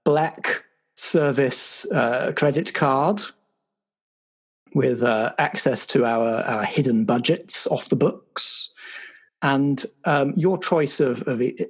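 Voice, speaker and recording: A man with a slow, mid-range voice edged with breathiness improvises as an awkward intelligence official delivering a debrief. Apologetic and officious, the character stammers through formal, halting praise.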